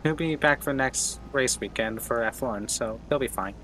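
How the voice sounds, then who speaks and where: A man co-commentating a sim race on a live stream, excitable and quick to read out the grid. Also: medium pitch, faint music behind. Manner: excitable, reads out grids quickly.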